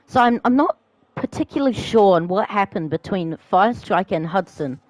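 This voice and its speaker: A young man giving live commentary on a sim racing league, rising to excited shouts at close battles and dropping to calmer asides. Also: sits high, moderate pace, dry recording, low-quality recording.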